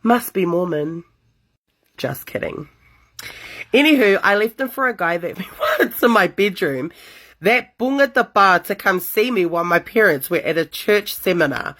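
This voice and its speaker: A young woman hosts a casual storytime, reading listener confessions aloud and reacting in an animated way with sassy asides between stories. Her voice is mid-range at a normal speed.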